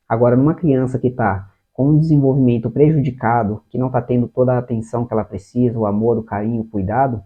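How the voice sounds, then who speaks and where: A man's voice: mid-range voice, mellow, slightly rough. A man with a Brazilian Portuguese accent, a therapist giving earnest parenting advice straight to the viewer. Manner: earnest, explanatory, addresses the viewer directly. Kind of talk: self-help talk to camera. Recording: narrow phone-like sound.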